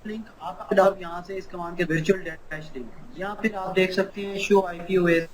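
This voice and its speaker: A man's voice: high voice, measured pace, a crowd in the background. A male networking instructor teaching an online class step by step, his voice cutting in and out over a choppy video call. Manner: explains step by step, checking on students. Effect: choppy, cutting-out call audio. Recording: noisy, breaking-up online call.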